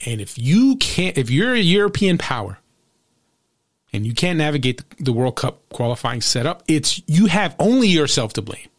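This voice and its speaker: A man's voice: a little high, big pitch swings, normal speed. A man hosting a soccer podcast, giving opinionated commentary in an emphatic, sarcastic way. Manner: emphatic and sarcastic, with frequent restarts. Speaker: podcast host.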